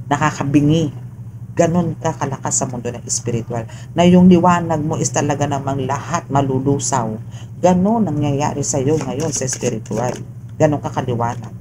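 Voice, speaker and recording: A woman giving a chatty, casual tarot reading to a viewer, mixing Tagalog and English and often checking in with tag questions. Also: sits low. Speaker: tarot reader. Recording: steady background noise.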